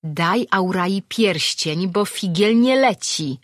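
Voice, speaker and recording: Reader doing a young sorceress, stern but gentle, coaxing her pet, dry and a bit husky. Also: mid-range voice, animated, normal speed, dry recording, voice pushed up. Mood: firm. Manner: firm, coaxing, speaking simply to a pet. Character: young woman sorceress, firm and warm.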